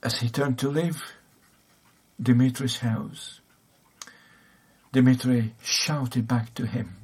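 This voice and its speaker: A man's voice: mid-range voice, fairly even intonation, takes it slowly, darkish tone, husky. A man preaching a sermon, hesitant, with many fillers and restarts.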